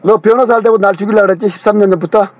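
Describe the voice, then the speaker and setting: A man's voice: sits high, steady tone, rapid-fire. A middle-aged man in a heated phone call with his younger brother, rambling, accusing and scolding him.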